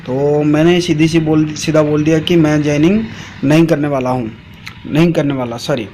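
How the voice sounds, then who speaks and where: A man tells his viewers a story in a loose, rambling way. He often pauses on drawn-out fillers and checks in with "theek hai." His voice sits a little high, with a faint hiss of noise behind it. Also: steady tone, warm tone. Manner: reads out chat messages aloud. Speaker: MLM channel host.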